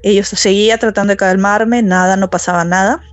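A woman in her forties with a Peruvian accent, calling in to tell a true story in a soft, halting way with many fillers. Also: mid-range voice, steady tone, no echo, muffled recording. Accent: Peruvian Spanish. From Peru. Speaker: caller telling a true story. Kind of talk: personal storytelling on a call.

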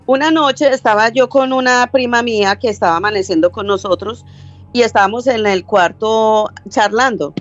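A woman's voice: on the high side, normal speed, dull audio. An older woman with a Colombian accent from Medellín, telling a story as a caller in a rambling way and acting out quoted lines. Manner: rambling, self-correcting, acts out quoted dialogue. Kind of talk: casual storytelling.

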